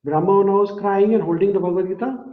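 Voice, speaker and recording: A man whose first language is Gujarati gives a devotional talk with a story, speaking slowly, repeating phrases and asking his listeners questions. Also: high voice. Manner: slow, repeats phrases, asks the audience questions. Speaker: satsang speaker. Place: community hall. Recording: echoey room, dull lo-fi sound.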